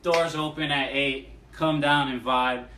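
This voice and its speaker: A man's voice: on the high side, fairly even intonation, bright, forceful tone. A man hosting a casual hip-hop chat show, talking in laid-back slang. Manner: laid-back slang, slow delivery, laughs often. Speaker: show host. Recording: roomy far-off mic with faint noise.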